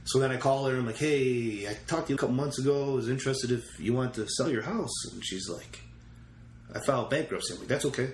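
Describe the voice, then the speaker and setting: A man's voice: medium pitch, fast talker. Man, casual storyteller, acts out quoted conversations, echoey room, faint noise. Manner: rambling, retells conversations with quoted lines. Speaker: real estate investor guest. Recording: roomy echo with faint ambient noise.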